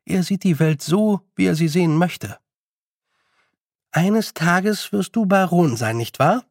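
Picture a young witch girl in a storybook, calm and firm, issuing quiet commands and warnings, as a male reader puts her on. The voice is gravelly at the bottom and fairly high, recorded close and dry with no room sound. Every phrase is measured and stern. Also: dry recording, full character voice. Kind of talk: audiobook character voice.

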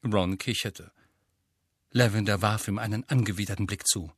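A man narrating an audiobook in an even, measured reading. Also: on the low side, breathy edge, no room sound, studio quality. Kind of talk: scripted narration.

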